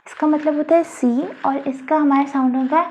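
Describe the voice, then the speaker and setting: A woman's voice: sits high, steady tone, normal speed, warm tone. A woman teaching French pronunciation in an online lesson, explaining patiently and repeating each example word. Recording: dull lo-fi, faint noise.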